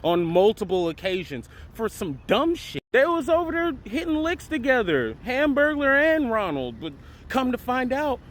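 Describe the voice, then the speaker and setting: A man's voice: very high-pitched, sing-song, normal speed, fairly bright tone. A man telling a comedic story in profane, slangy, exaggerated style.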